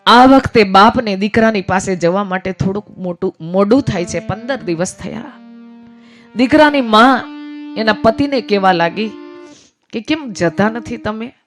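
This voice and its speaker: A woman's voice: mid-range voice, lively intonation, measured pace. Woman telling a devotional story. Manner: emotional storytelling, voices the characters' pleas. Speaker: religious storyteller. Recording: faint music behind voice.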